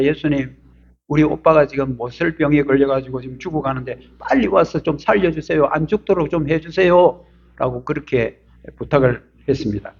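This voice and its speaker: A middle-aged man delivers a sermon as a pastor, his voice sitting a little high. He talks to the congregation in a loose, conversational way and acts out short quotes as he tells the story. The recording is a bit muffled and lo-fi. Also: darkish tone.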